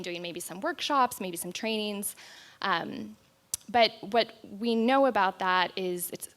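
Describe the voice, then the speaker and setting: A woman answers a panel's question about her business. She thinks out loud, using plenty of fillers, at an ordinary pitch. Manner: thoughtful, with fillers and restarts. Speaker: pitch contestant answering judges.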